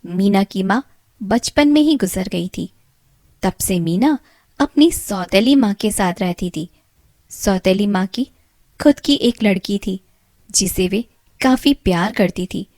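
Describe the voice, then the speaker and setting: A woman narrating a children's cartoon story in a steady, clear storytelling manner. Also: medium pitch, slow, long pauses, no room sound.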